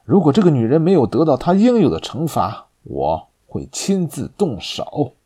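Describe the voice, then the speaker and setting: A man's voice: fairly high pitch, huge pitch swings, mellow, husky, exaggerated voice. A man voicing a stern, vengeful lord who speaks firmly and heavily. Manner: firm, heavy and measured.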